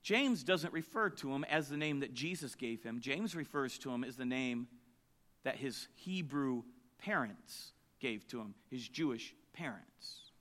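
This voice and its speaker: A man's voice: mid-range voice, expressive, measured pace, fairly bright tone. A man preaching a Bible teaching sermon, conversational and often asking his listeners questions. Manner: conversational, asks the audience questions.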